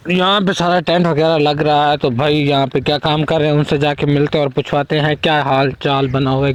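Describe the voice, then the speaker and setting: A man with a Saraiki accent chats to his viewers as he films a village gathering on a handheld phone. His voice sits a little high and stays casual and friendly in tone. The open air around him gives the sound a loose, outdoor feel. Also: fairly bright tone, poor audio. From Pakistan. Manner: chatty, addresses viewers directly. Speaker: vlogger. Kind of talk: casual vlog narration.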